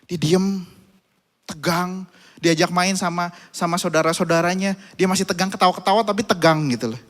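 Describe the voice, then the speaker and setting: A pastor preaches a sermon in a church hall with long reverb, his voice sitting high, a bit bright, brisk, and fairly even in intonation. He tells a family story, acting out both his child's voice and his own.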